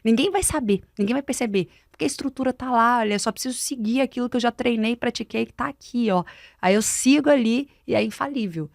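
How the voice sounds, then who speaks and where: Brazilian woman mentor teaching on a podcast, animated and firm, bit of vocal fry, dry close mic. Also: on the high side, fast talker, no room sound. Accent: Brazilian Portuguese. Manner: didactic, emphatic, animated explaining. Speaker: guest speaker and mentor. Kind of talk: podcast conversation. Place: podcast studio.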